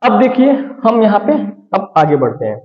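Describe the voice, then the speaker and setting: A man's voice: sits high, big pitch swings, moderate pace, echoey room, long reverb tail, muffled recording. A man teaching a math lesson, explaining patiently and often ending his points with "right". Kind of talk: classroom-style lesson explanation.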